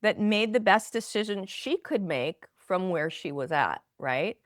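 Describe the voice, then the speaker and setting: A woman guest on a podcast, speaking gently and reflectively in long flowing thoughts. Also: medium pitch, expressive, measured pace, dry recording, studio quality. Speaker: guest, spinal energetics practitioner. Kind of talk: conversational podcast interview.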